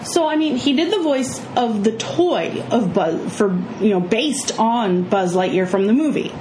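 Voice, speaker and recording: A middle-aged woman with some vocal fry, chatting casually and emphatically about movies as a review co-host. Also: a little high, lively intonation, a little slow. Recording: echoey room with clear background noise.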